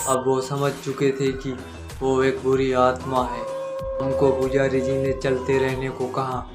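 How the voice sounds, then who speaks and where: A man narrating a scripted first-person horror story in a measured, monotone way, addressing his listeners directly as the channel's host. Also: mid-range voice. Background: faint background music.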